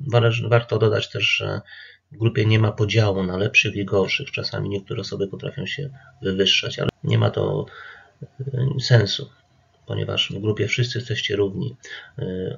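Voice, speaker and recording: A man, an addiction therapist, calmly explaining group therapy rules straight to the listener in an instructive presentation. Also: fairly low pitch, vocal fry, breathy edge, muffled recording. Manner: calm, instructive, addresses listener directly. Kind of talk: talking-to-camera presentation.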